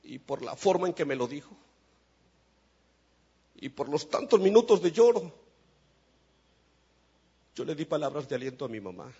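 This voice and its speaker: A man preaching a sermon testimony, swinging between loud emphatic peaks and soft, low asides. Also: big pitch swings, moderate pace, pauses often, breathy edge. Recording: muffled lo-fi sermon recording.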